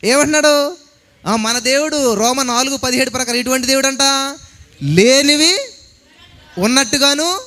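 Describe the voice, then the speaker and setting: Male preacher, very high voice, animated sermon delivery, long church reverb. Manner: animated, mixes English words, acts out quoted dialogue. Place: church hall.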